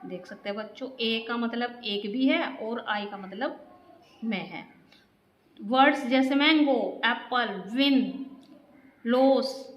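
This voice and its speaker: Woman, high voice, patient children's grammar teacher, echoey room. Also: slow, dull audio. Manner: patient, spells out letters one by one; repeats points and keeps addressing the children.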